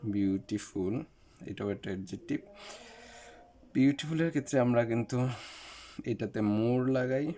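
A man's voice: medium pitch, moderate pace, pauses often, dark tone, slight background noise. A man teaching an English lesson, explaining step by step and speaking straight to his viewers. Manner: explanatory, with fillers, addresses viewers directly.

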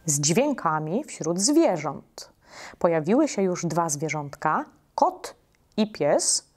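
A woman leading a music workshop for children, giving slow, patient instructions with short pauses. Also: lowish voice, big pitch swings, a little mellow.

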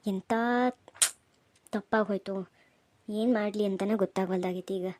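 A woman's voice: mid-range voice, mellow, lightly acted. A woman voicing a greedy, scheming middle-aged village mother, with a North Karnataka Kannada accent and a grumbling manner.

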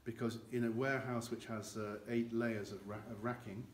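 An older man guides visitors through a large, dim barrel warehouse with an earthen floor, explaining how cognac ages while gesturing with both hands. His mid-range voice stays level at a normal speed. A camera a few meters away picks him up, with echo and faint noise in the room.

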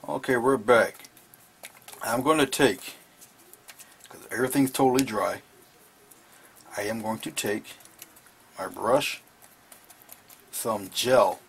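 Slow and relaxed, with long pauses, a middle-aged painting instructor talks casually while working in his small home studio. Over the brush work he often drops into low murmurs. Slight background noise can be heard.

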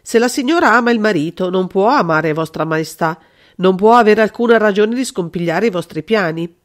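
A woman reading a calm, clever male detective in an audiobook, measured and explanatory. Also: medium pitch, natural voice. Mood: composed.

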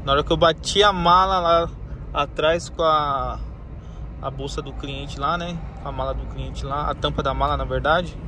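High-voiced São driver vlogging. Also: male voice, fairly even intonation, normal speed, sharp tone. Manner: slangy, calls viewers family and guys. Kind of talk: casual vlog narration. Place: inside and around a car in the city. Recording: noisy car and street recording. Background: street and traffic noise.

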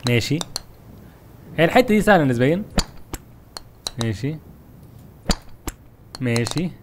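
A young man with an Egyptian Arabic accent, commenting on his gameplay in an animated, frustrated way as he talks to his viewers. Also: fairly high pitch, measured pace, background noise. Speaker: gaming YouTuber.

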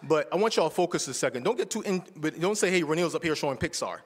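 A man's voice: on the high side, lively intonation, fast, slightly rough. Man in his forties preaching in a reverberant church. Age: 40s. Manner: chatty, checks in with the congregation. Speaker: church speaker. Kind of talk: casual conversational sermon. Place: church sanctuary. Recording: long reverb of a church hall.

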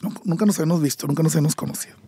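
A middle-aged man with a Mexican accent, a podcast guest telling his story in a lively way and acting out the voices of the people in it. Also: fairly high pitch, very fast, breathy edge, no echo. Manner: animated, acts out voices in his stories. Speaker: podcast guest, taco shop owner. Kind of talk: storytelling interview.

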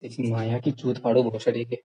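A husky, slightly breathy man's voice at a middle pitch, heard through a phone on a screen-recorded voice call. He is caught in a heated rant, aggressive and taunting, insulting the listener without letting up. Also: monotone, a little fast, dark tone, low-quality recording. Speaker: caller in a group voice call.

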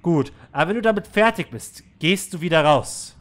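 A cruel, manipulative manager lectures with cold condescension, as read by a man. The voice sits a little high for a man, with a scolding edge. It is game dialogue read aloud in a let's play. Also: expressive, normal speed, natural voice. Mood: menacing.

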